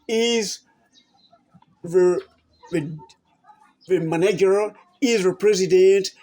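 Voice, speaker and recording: A woman whose first language is French hosts a wellness channel at a very unhurried pace, with a voice of ordinary pitch for a woman. She speaks in short, halting phrases, often stopping and repeating words before she goes on. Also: darkish tone. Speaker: health channel host. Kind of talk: informal talk to camera.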